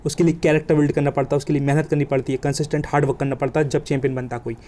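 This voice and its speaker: Fast-talking vocabulary teacher, man. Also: a little high, little pitch movement, dark tone. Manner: colloquial, joking, emphatic with vivid examples. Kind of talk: exam coaching lesson.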